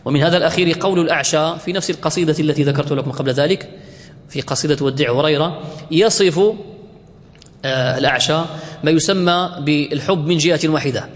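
A man teaching Arabic word forms to a class. He asks the class questions and answers them himself, and he slows right down to spell out each form. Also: on the high side, big-room sound. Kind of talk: classroom lecture.

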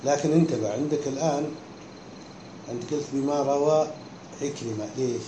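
Speaking fairly quickly in a mid-range voice, a man leads a class through a text one step at a time. He frequently pauses to ask short questions about whether his listeners follow. The room is echoey, and a faint hum runs behind him.

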